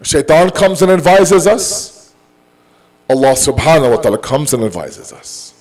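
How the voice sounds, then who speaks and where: Here the same high-pitched preacher takes a sing-song, slightly mellow tone at a moderate pace, again on a rough recording. Conversational and emphatic, he poses rhetorical questions and blends Urdu and Arabic phrases into his English. His sermon draws on everyday examples and acted-out dialogue.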